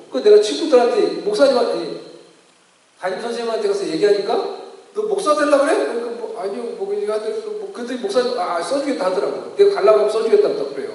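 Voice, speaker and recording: A middle-aged male pastor telling a personal story in a sermon, lively storytelling that acts out the voices of others. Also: high-pitched. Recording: echoey hall, distant mic.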